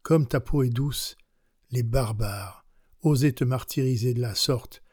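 A man reading as a coaxing mother superior of a convent in an audiobook of a classic novel, speaking slowly and tenderly. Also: medium pitch, darkish tone, slightly rough, no echo, studio quality.

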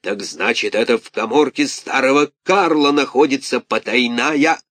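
A man voicing a huge bearded, bad-tempered puppet master who barks slow, loud shouts in a storybook reading. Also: medium pitch, dry recording, pitched above the performer's own voice, close to an everyday voice. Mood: gruff questioning.

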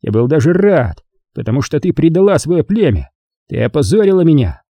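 A man's voice: high voice, wildly swooping pitch, slow pace, dark tone, no echo, pitched above the performer's own voice, full character voice. A man voicing a bitter, cruel young clan leader in an audiobook, with a harsh, snarling delivery.

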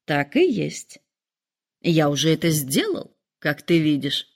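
A woman voicing a calm, quietly amused middle-aged father who teases his family in a dry tone. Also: low voice, slow pace, pitched below the performer's own voice, exaggerated voice. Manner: dry, calm, lightly mocking.

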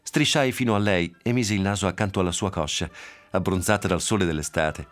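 List: man, very deep voice, radio book reading, measured steady narration, studio mic. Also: soft background music. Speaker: reader. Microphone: radio studio microphone.

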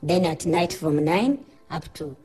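A woman in her thirties from Africa, giving a recorded interview in halting, simple phrases, her voice disguised by being pitched down deep. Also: lively intonation, warm tone, slightly rough, faint music behind. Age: 30s.

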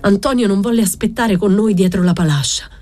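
A woman's voice: mid-range voice, brisk, darkish tone, soft background music, natural voice. A woman reading the lines of a grave older fisherman chief in a storybook reading. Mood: somber.

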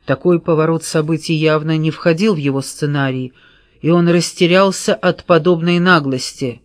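A woman reading an audiobook novel in a steady storytelling manner. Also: low-pitched, normal speed, dry recording, studio quality. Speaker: audiobook narrator. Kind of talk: scripted narration.

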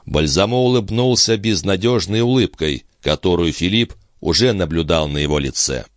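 A man reading a novel aloud as an expressive audiobook narrator. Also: sits low, normal speed, no echo, studio quality. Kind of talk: scripted narration of a classic novel.

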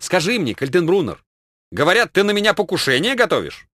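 A man's voice: high voice, big pitch swings, fairly quick, pushed and bright, no echo, pitched above the performer's own voice, heavily acted. A man voicing a stern, mocking middle-aged spy who barks orders and threatens bluntly, in a comic audiobook. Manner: barked commands and gruff threats.

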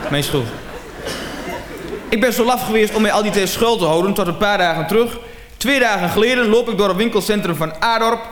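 High-voiced man telling a comic story. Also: brisk, reverberant. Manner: mock-confessional storytelling, rising to excited shouts. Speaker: comedian. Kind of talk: comic monologue recording.

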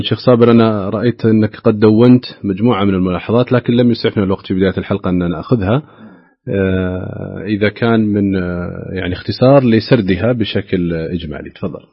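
A man hosting a radio program, brisk and polite, asking follow-up questions. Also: lowish voice, no echo. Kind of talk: radio interview and discussion. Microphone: studio microphone. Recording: slightly dull dry radio studio sound.

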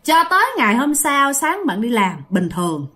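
Lively woman storyteller. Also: high-pitched, normal speed. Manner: addresses listeners directly, chatty and animated. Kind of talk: casual ghost story narration.

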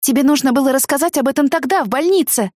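A woman voicing an anxious, fiery young woman fresh out of school, her pitch lifted well above the reader's own low voice. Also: quick pace, a little mellow, no room sound, studio quality, natural voice. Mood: indignant. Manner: pleading and indignant outbursts.

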